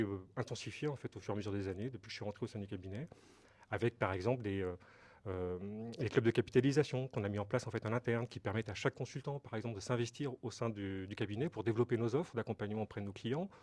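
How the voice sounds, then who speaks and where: This middle-aged company director from Brittany in France has a lowish, slightly mellow voice and talks fast. Answering interview questions, he explains hesitantly, leaning on many fillers and repeating words.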